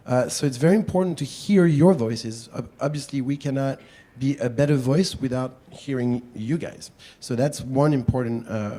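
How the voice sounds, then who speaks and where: A man's voice: mid-range voice, dark tone. A man from France with a French accent, speaking informally on a public panel in a chatty, self-deprecating way. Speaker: panel speaker, wildlife activist.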